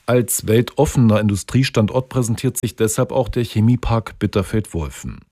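A male reporter reads a scripted news piece in an even, steady manner. His voice is lowish and mellow. The booth sound is dry and close. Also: no echo. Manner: even, reading. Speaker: radio reporter.

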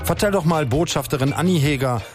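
A man narrating a scripted radio report in a lively, rhythmic manner. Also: fairly high pitch, fairly quick, faint music behind.

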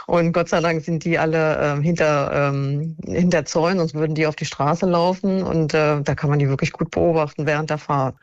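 A woman's voice: low-pitched, steady tone, normal speed, few pauses, no echo, highs cut off. A woman from northern Germany calling in to a radio show, enthusiastic and hesitant with many fillers. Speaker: radio caller. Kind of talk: phone call-in chat.

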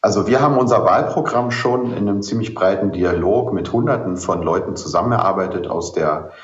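A very low-voiced man, a politician, explaining his positions earnestly and hesitating with ums as he goes. His voice carries a roomy echo, and the sound is a little dull. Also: fairly quick. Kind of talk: interview answers.

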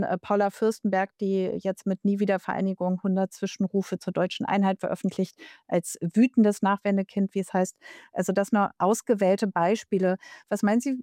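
A woman interviewing an author, measured, laying out examples before her question. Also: medium pitch, mellow, dry recording, studio quality.

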